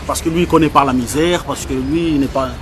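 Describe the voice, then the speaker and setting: Boastful young rapper with Congolese accent. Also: male voice, on the high side, fairly quick, background noise. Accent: Congolese French. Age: 20s. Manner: boastful, conversational, repeats words when excited. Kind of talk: casual promotional interview.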